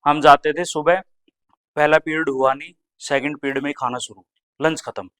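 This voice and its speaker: A young man on a comedy stage tells school stories, jumping into quick voices for teachers and classmates. His voice sits a little high for a man and comes through smooth and clear on a handheld mic. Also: fairly even intonation, a bit bright. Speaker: stand-up comedian. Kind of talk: stand-up comedy storytelling.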